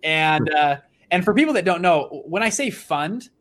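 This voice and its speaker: A man's voice: on the high side, moderate pace. A young man in his twenties, an interview guest, telling his story with energy and enthusiasm. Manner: energetic, enthusiastic, with frequent restarts.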